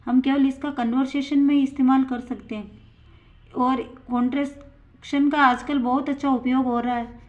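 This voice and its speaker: A woman teaching English grammar to learners, explaining step by step and saying each English example slowly and deliberately. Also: high voice, flat delivery, darkish tone. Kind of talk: spoken English lesson for learners. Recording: tinny phone-like sound.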